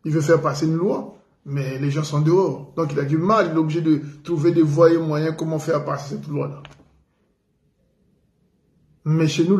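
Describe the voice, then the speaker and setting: A man from the Republic of the Congo, living in France, gives an indignant, emphatic political commentary monologue on the radio, repeating words for stress. His warm, dark voice sits slightly higher than most men's, and the room echoes around him.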